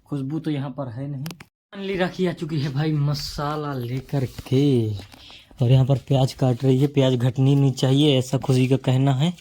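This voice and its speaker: A man's voice: mid-range voice, steady tone, moderate pace, warm tone, slight background noise. Guy vlogging the kitchen, teasing and bossy, chatting the whole time. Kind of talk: casual vlog narration.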